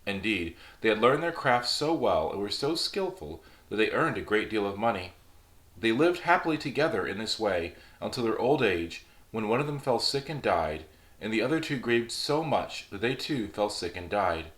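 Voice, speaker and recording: A storyteller host with a lowish voice reads a fairy tale aloud at normal speed in a relaxed, chatty manner, his pitch rising and falling with the story. Noticeable echo rings through the room around him.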